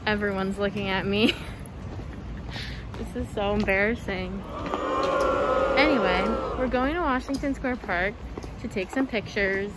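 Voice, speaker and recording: A woman's voice: medium pitch, measured pace, long pauses, loud music behind the voice, rough recording. A young woman talking through a face mask while vlogging on a train, giggly and a little self-conscious, speaking into a handheld phone. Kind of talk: casual vlog chat. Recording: loud background noise.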